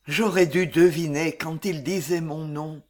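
A loving young noblewoman, played by a man speaks verse for a stage play. The voice sits high for a man and moves slowly. The delivery is earnest and emotional. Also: fairly even intonation, lightly acted. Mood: realizing.

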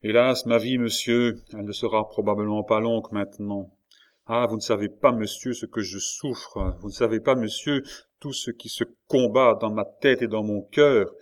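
A man reading an audiobook, voicing a melancholy, heartbroken prisoner who pleads sorrowfully, in a low voice. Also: steady tone, moderate pace, close to an everyday voice. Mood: pleading.

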